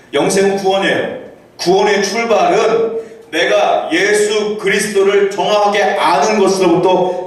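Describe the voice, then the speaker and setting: Male pastor, high voice, conversational preaching with rhetorical questions, scripture read slowly, heard from a distance in a very echoey church hall. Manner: reads scripture aloud slowly and deliberately. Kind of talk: sermon. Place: church sanctuary.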